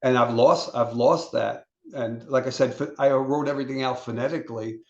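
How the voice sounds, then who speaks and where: An older man chats casually as a guest and wanders from story to story, often restarting his sentences. His voice has a gravelly edge. The recording sounds echoey and a little muffled. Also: mid-range voice, steady tone, normal speed. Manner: rambling storyteller with restarts and stammers. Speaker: interview guest, solo performer. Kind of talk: casual interview chat.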